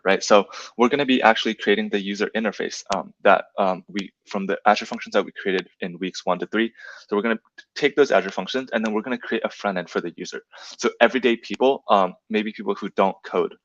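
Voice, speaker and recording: A man's voice: fairly low pitch, fairly bright tone, no echo. Young man, casual slide presentation, frequent fillers, dry close sound, slightly muffled. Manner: filler-heavy, often adds "right?". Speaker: program presenter.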